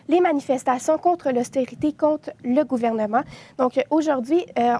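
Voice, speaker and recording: A woman's voice: high-pitched, darkish tone. A young woman reporting on social media reactions for a news show, hesitating often with filler sounds.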